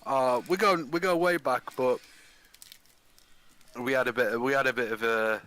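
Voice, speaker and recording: A man voicing a brash adventurer in a tabletop game, loud and demanding. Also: mid-range voice, moderate pace, lightly acted. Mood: evasive. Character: brash, grudge-holding adventurer.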